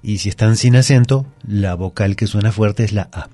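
A man's voice: fairly low pitch, normal speed, warm tone, no room sound. A man, a grammar teacher patiently explaining spelling rules as a guest in a radio studio. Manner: patient, methodical, repeats examples.

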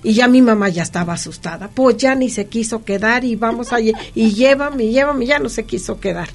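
A middle-aged Mexican woman being interviewed, telling personal stories in an animated conversational way. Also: fairly high pitch, brisk. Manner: animated, lively anecdotal telling with frequent laughs. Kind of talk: conversational storytelling.

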